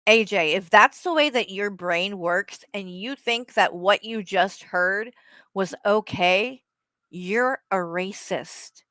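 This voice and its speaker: A woman's voice: mid-range voice, slow pace, sharp tone, dry recording. A woman streamer giving heated live commentary, blunt and profane, talking straight at the person she criticizes. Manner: blunt, profane, addresses someone directly.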